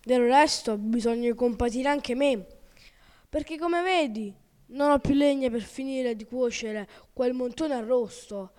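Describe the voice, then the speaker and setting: A woman voicing a gruff, bearded male puppet master with a rattly, blustering voice who barks loud commands and breaks into sneezing fits. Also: on the high side, a little slow, big-room sound, natural voice. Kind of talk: audiobook character voice.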